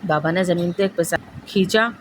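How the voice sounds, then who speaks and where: A woman's voice: lowish voice, noisy background. A woman narrating a first-person ghost story in a plain, matter-of-fact way.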